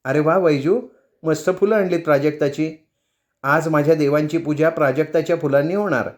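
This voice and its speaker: A man's voice: a little high, normal speed, natural voice. A man reading the lines of a bold, wary middle-aged woman in a storybook, with a slightly raised voice. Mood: brisk.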